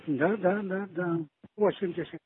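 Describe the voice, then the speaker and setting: A man's voice: high-pitched, steady tone, measured pace, soft background music. A man whose voice comes as choppy, repeated soundboard clips played into a prank phone call, with abrupt one-word replies. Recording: muffled phone line.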